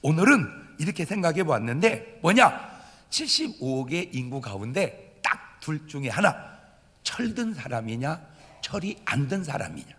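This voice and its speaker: A man's voice: a little high, very animated, normal speed, a bit bright. A man preaching a Sunday sermon as pastor, who acts out crying children while he speaks. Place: church sanctuary. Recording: church hall reverb.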